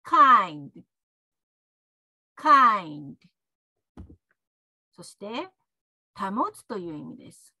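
A woman teaching pronunciation in a bright, animated voice that swoops up and down. She talks at an unhurried pace with chatty asides and stretches out each model word for the learner to repeat. The recording is close and dry, with faint music underneath. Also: medium pitch, slightly rough, no echo. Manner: slow, drawn-out model words for the learner to repeat; chatty, adds little "ne" tags while explaining. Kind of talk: pronunciation lesson with repeat-after-me drills.

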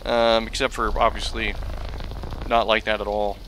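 A man's voice: fairly low pitch, level tone, moderate pace, fairly bright tone, slight background noise, rough recording. A man giving casual gameplay commentary in a musing, wryly jokey way. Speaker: gaming video commentator.

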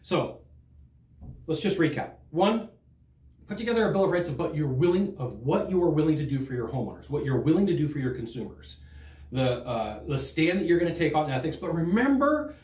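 A middle-aged sales trainer, a little high and a little fast, addresses a fixed camera from a desk in a reverberant green-screen studio. His direct-to-camera talk is lively and casual, with customer quotes acted out.

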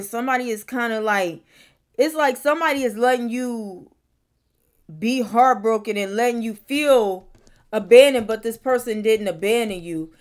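Young woman tarot reader, slightly high voice, thinks aloud and repeats lines, bedroom to camera. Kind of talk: casual tarot reading to camera. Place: bedroom, indoors.

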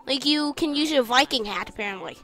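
A woman's voice: high voice, expressive, brisk, fairly bright tone, soft background music. A young woman chatting casually and blurting out reactions while playing a video game. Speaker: let's play co-host. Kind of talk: casual gameplay commentary.

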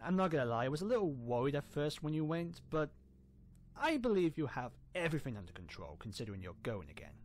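A man voicing a caring, slightly sly young unicorn prince in an animated fan drama, casual and a little hesitant. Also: a little high, fast, a little hiss or hum. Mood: calm.

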